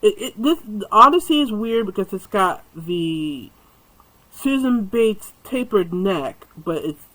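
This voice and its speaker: A chatty crochet YouTuber reviewing hooks rambles casually in a bright, sharp, slightly high voice, animated but slow. He mutters asides to himself while working, captured by a camera mic positioned above his hands in a rough recording.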